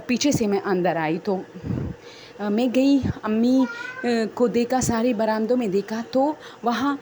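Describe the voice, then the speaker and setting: A woman's voice: a little high, mellow, a little hiss or hum. A woman telling her own horror story in a rambling, unscripted, conversational way.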